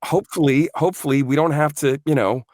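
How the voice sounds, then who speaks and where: A Norwegian voice actor, guesting on an interview, chats casually in a fast, fairly even voice that sits on the high side with a darkish tone. He's thoughtful but full of fillers and restarts. The recording is clean studio sound with no echo.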